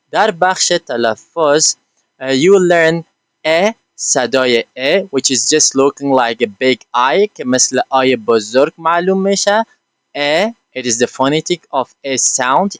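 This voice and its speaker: A man with an Afghan accent teaching an English lesson. He says each line slowly and carefully in English, then translates it quickly, with frequent fillers. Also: fairly high pitch, dry recording.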